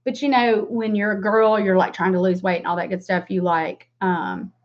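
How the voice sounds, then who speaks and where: A woman's voice: mid-range voice, lively intonation, normal speed. Southern woman on a dull lo-fi stream. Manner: informal, rambling, self-deprecating asides. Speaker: beauty livestream host and makeup seller. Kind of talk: casual chatty makeup tutorial livestream.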